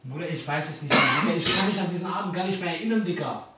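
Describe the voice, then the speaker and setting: A man in his twenties talking in street slang, defensive and excited. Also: high-pitched, racing, heavy background noise. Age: 20s. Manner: slangy, defensive, keeps saying "Digga". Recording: echoey room, mic far off, faint music.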